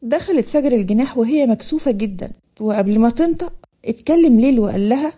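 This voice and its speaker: A woman with an Egyptian accent narrating a scripted village love story in a steady, plain manner. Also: fairly high pitch, fast, husky.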